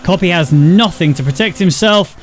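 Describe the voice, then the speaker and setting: A man's voice: high-pitched, normal speed, a little hiss or hum. A man giving play-by-play on an online racing league with a co-host. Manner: steady play-by-play, relaxed chatter between calls. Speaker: co-commentator. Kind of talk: live sim racing commentary.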